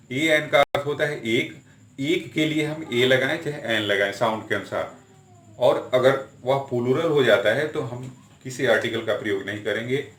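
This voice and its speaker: A man explains English grammar in Hindi and steps carefully through example sentences. His voice sits at an ordinary middle pitch. The sound is roomy, with a clear echo around it. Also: fairly bright tone. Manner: slow, deliberate spelling out of examples. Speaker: English teacher.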